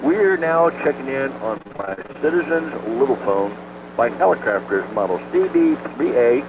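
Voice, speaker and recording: A man's voice: medium pitch, huge pitch swings, moderate pace. A man checking in on a radio net, his voice coming through a gritty old carbon microphone, keeping it brief and ending his turns with "over". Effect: gritty old carbon microphone sound. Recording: tinny radio transmission with clear noise.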